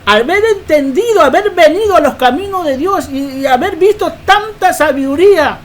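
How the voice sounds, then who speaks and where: A woman preacher giving a Bible teaching sermon, emphatic and quick to ask rhetorical questions. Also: extremely high pitch, lively intonation.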